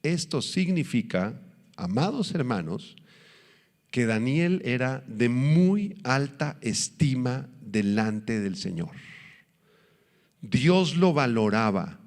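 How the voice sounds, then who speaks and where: A man preaching a sermon, his voice sitting at an ordinary middle pitch. He teaches with lively emphasis and stretches words out when he makes a point. The sound carries a long reverb, like a large hall. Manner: animated preaching, acts out quoted voices, slows for emphasis. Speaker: pastor.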